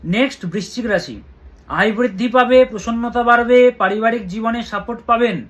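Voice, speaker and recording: A man with a Bengali accent, an astrologer giving earnest weekly horoscope advice and slowly chanting mantras. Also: extremely high pitch, a bit bright.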